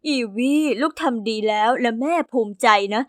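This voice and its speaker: A woman voicing a gentle, loving mother who speaks softly to comfort her daughter in an animated story. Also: fairly high pitch, normal speed, dry recording, clean studio sound, voice pushed down, natural voice. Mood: tender. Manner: soft and reassuring.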